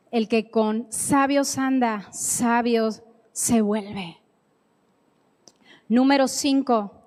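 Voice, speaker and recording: High-voiced woman preaching slowly. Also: darkish tone. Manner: emphatic, repeats key phrases, playful asides. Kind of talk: sermon. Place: church sanctuary. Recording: echoey hall with long reverb.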